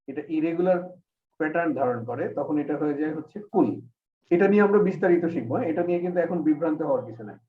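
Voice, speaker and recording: A man teaching an online Arabic grammar class, explaining patiently step by step. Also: a little high. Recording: echoey, distant, phone-like call audio.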